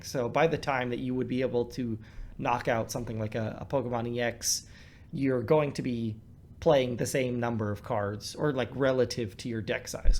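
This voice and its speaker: A man's voice: mid-range voice, a little mellow. A man giving casual commentary while playing a card game, thinking aloud with many ums and restarts. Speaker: co-host discussing a card game.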